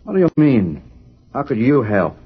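An actor playing a slick, blustering Eastern mining swindler, the villain of an old-time radio western. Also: male voice, medium pitch, very animated, moderate pace, slightly rough. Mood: scheming. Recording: dull, noisy vintage radio recording.

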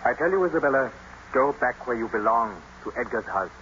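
Grave family doctor, muffled radio. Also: male voice, mid-range voice, expressive, sharp tone. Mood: solemn concern. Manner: solemn, deliberate. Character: grave, concerned family doctor and old friend. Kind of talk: 1950s radio drama acting. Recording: dull old radio broadcast, faint noise.

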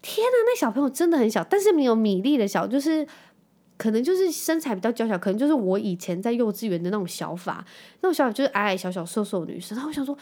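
A woman's voice: on the high side, sing-song, fast talker, a little mellow. A woman in her thirties with a Taiwanese Mandarin accent, hosting a casual storytelling chat and dropping English words into her talk. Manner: chatty, drops English words into speech. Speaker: podcast host.

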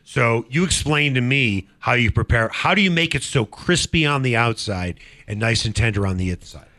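A man's voice: medium pitch, expressive, moderate pace, pushed and bright. A man hosting a sports radio show in the studio, chatty and enthusiastic, also reading sponsor spots. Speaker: radio talk show host. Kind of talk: casual studio chat.

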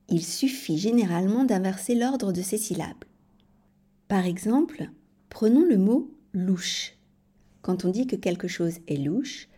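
A woman with a mellow, warm voice hosts a language-learning podcast. She reads a scripted lesson in a measured, clear way and spells out words for her listeners. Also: fairly low pitch. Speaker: podcast teacher of French.

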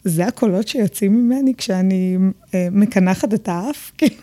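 A woman's voice: medium pitch, dark tone. A woman guest on a podcast, talking casually and hesitantly, with many fillers. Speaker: podcast guest, learning and development manager. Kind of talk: casual conversation.

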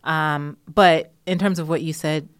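A woman's voice: low-pitched, fairly even intonation, a little slow, no echo, studio quality. A woman from Jamaica, interviewed and answering thoughtfully, with fillers and light laughter. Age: adult. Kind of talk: conversational interview.

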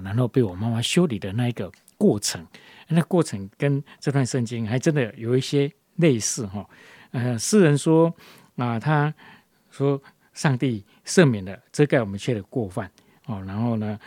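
A man's voice: mid-range voice, mellow, breathy edge, no room sound, clean studio sound. A man leading a casual devotional talk, rambling with many fillers and restarts. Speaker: devotion leader.

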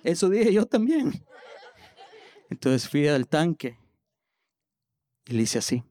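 A man telling a personal story on stage in a lively way, often stumbling over repeated words as he restarts. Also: a little high, slow, no room sound, clean studio sound, a faint crowd. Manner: animated, with stammered restarts.

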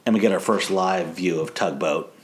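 A man's voice: low voice, moderate pace. A man co-hosting a podcast, recapping TV episodes in casual chat and chuckling often as he retells scenes. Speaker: podcast co-host.

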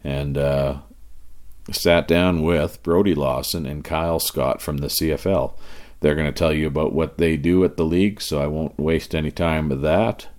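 A very low-pitched man hosts a casual podcast with a Canadian accent. His whiskey voice is raspy and worn, and his delivery is folksy and relaxed. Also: normal speed. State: raspy from cheering at a game. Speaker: podcast host. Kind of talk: casual solo podcast talk.

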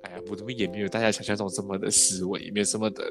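A man's voice: fairly low pitch, flat delivery, racing. A man with a Malaysian Mandarin accent hosting a casual podcast interview, chatty and dropping English words into his Mandarin. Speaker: podcast host. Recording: background music under the talk.

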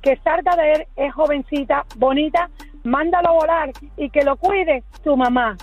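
A woman with a high voice gives firm, no-nonsense advice as she calls in to a radio show. Her phone line sounds dull and muffled. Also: moderate pace. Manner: firm and advising. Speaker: radio caller. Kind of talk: phone-in comment.

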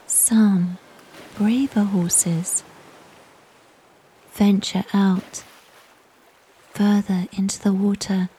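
A woman narrating a guided nature relaxation story in a soft, breathy whisper, unhurried and soothing, with long pauses between short phrases. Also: mid-range voice, little pitch movement, a little hiss or hum, low-quality recording.

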